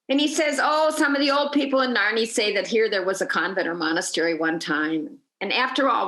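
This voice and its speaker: A woman's voice: a little high, roomy sound. A woman guiding a virtual tour, telling a story with energy and acting out the people she quotes. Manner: lively storyteller, acts out quoted voices. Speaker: tour guide.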